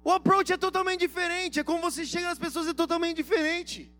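High-voiced animated male preacher. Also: fast, soft background music. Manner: animated, slangy storytelling, acting out dialogue. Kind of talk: sermon with storytelling.

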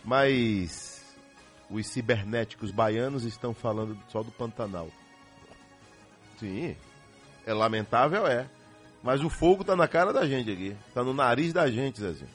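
A man's voice: mid-range voice, expressive, unhurried, soft background music. A man with a Bahian accent hosting a radio talk show, mocking and emphatic. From Bahia, Brazil. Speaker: radio host.

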